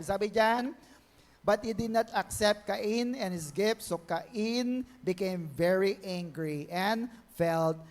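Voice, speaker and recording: Man, Filipino accent, pastor, Bible-teaching sermon, calls for amens, slow stressed phrases. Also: high voice. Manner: mixes Tagalog and English, calls for amens, stretches key words slowly.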